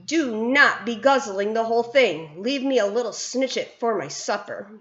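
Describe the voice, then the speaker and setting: A woman's voice: fairly high pitch, normal speed, a bit bright, natural voice. A woman reading aloud and voicing a kind, nervous male giant who talks with jumbled grammar and earnest pleading. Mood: coaxing. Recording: roomy, dull lo-fi sound.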